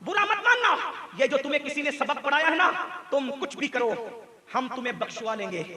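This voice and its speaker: A male preacher delivers a fiery sermon in a strikingly high, piercing voice. He drives his points home through repeated rhetorical refrains. The sound rings around an echoey hall. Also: brisk, bright, forceful tone. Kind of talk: impassioned sermon.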